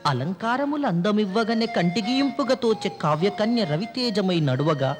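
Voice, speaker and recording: A man reciting ornate classical poetry in a measured, formal way. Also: high voice, expressive. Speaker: poet. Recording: film soundtrack with reverb and soft music.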